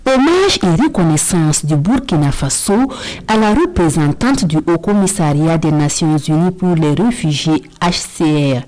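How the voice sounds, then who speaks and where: A female news reporter voices her story in a formal, scripted read. Her voice is lowish and mellow. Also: lively intonation, moderate pace, poor audio.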